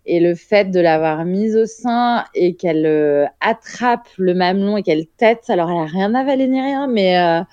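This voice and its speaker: A woman's voice: mid-range voice, expressive, moderate pace, hardly any pauses, mellow, dry recording, muffled recording. A woman in her thirties, a podcast guest telling a story in a frank, casual way, swearing now and then and using plenty of fillers.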